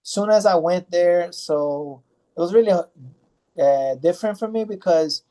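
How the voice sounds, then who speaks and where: Speaking in a high, mellow voice at an unhurried pace, a man in his thirties from Brazil fields interview questions as a fighter. Portuguese is his first language, and his answers wander, packed with fillers and false starts.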